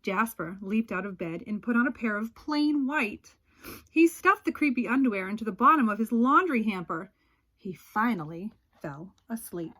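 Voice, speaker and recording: A children's picture book is read aloud by a woman with a fairly high pitch. She narrates like a storyteller, dramatic and expressive, and stretches the suspense.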